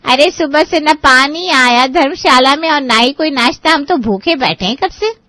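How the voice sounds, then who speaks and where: A woman voicing an irritable older aunt in a cartoon story, sharp and indignant. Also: a little high, animated, normal speed, no echo.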